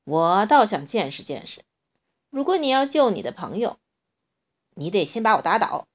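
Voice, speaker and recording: A woman voicing a big bullying male tyrannosaurus in a storybook reading, loud and jeering, with a slightly husky voice. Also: mid-range voice, sing-song, normal speed. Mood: taunting. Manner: loud, jeering, bursts of laughter.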